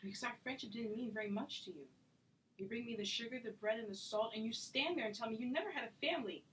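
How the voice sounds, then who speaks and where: A woman's voice: fairly high pitch, a bit bright, a little hiss or hum, lightly acted, poor audio. A woman acting a self-taped drama scene as a hurt, indignant friend, intense and accusatory in her delivery. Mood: wounded. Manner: accusatory, intense, rapid-fire.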